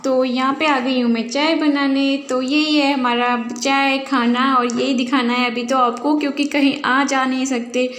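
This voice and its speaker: A woman's voice: high-pitched, level tone, normal speed, few pauses, a bit bright, echoey room. A woman chatting casually through a home vlog while making tea and cooking, rambling as she goes. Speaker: vlogger. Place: home kitchen.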